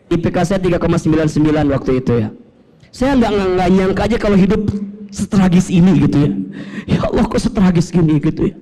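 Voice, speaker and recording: A man's voice: high voice, mellow, poor audio. A man, preaching through a personal story with emotion and self-mocking humor. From Bogor area, West Java. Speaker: Islamic preacher. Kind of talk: storytelling sermon.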